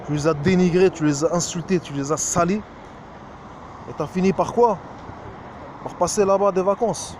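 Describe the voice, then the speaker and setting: A man's voice: high-pitched, fairly even intonation, moderate pace, pauses often, a little mellow, a little hiss or hum. A man talking straight to a rival in a scornful, mocking rant, hesitating often with fillers. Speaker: YouTuber answering a rival. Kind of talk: direct-address rant video.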